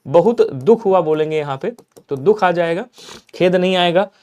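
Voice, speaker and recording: A man's voice: high-pitched, animated, normal speed, darkish tone. A man teaching a live online exam prep class on Hindi grammar, explaining answers in an emphatic way, repeating key points and checking in with his students.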